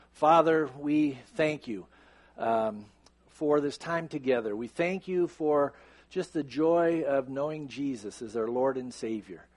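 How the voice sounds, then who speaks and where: A man's voice: medium pitch, darkish tone. A man in his fifties, a pastor, leading a church service with joking asides and an earnest prayer, in a church sanctuary. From United States. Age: 50s. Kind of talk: sermon and prayer.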